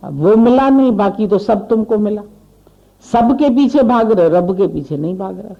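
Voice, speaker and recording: A woman's voice: medium pitch, expressive, normal speed. A woman speaking as a spiritual teacher in a devotional sermon, retelling a parable and putting questions directly to her listeners. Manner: retells a parable with voiced dialogue. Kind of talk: devotional satsang sermon with storytelling. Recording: dull lo-fi recording.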